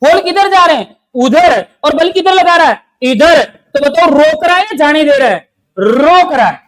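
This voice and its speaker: A man's voice: very high voice, animated, normal speed, fairly bright tone, poor audio. A man teaching a coaching class, repeating each question and answering it himself, with playful everyday analogies. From Rajasthan, India. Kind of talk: classroom lecture with call-and-response questions.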